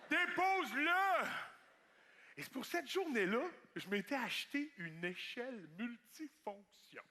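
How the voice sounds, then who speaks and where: A man with a Québécois French accent doing a stand-up comedy routine on a theatre stage, telling a story and acting out voices and shouts. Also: sits high, creaky.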